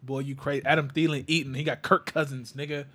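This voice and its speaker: A man arguing football casually, slangy, pausing on "uh" fillers while searching for names. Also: fairly high pitch, little pitch movement, bright, forceful tone. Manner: argumentative, hesitant fillers, slangy.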